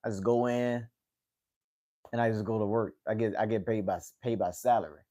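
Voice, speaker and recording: A man in his late twenties chats casually on his own livestream, rambling, repeating words and ending many sentences with "man." His voice is lowish and warm, with fairly even intonation at a moderate pace.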